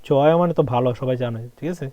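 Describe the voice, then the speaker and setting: A man teaching a casual language lesson, patiently repeating words slowly and checking that his student follows. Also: medium pitch, warm tone, dry recording. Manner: asks checking questions.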